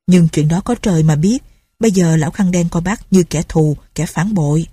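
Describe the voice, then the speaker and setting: A woman's voice: lowish voice, moderate pace, warm tone, breathy edge, no echo, studio quality. A woman voicing an earnest, scheming teenage peasant boy who pleads and reassures. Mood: urging.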